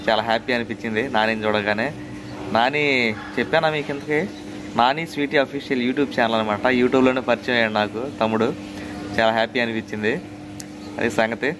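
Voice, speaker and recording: A man's voice: mid-range voice, background noise. A man chatting casually to his viewers in a vlog. He laughs often and keeps coming back to the same stock phrases. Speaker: vlogger. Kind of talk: casual travel vlog chat.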